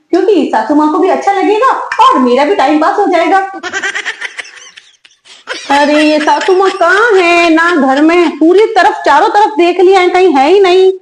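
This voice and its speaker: A woman voicing a lazy, cheeky young daughter-in-law who talks back quickly and chattily in a comic family sketch. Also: extremely high pitch. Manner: quick, chatty, giggly backtalk.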